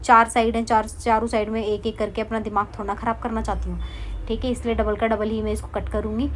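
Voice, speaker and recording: A woman's voice: medium pitch, a little hiss or hum. Chatty woman giving a craft tutorial. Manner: chatty, repeats "theek hai" constantly; cautioning, talks straight to viewers. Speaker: craft channel host.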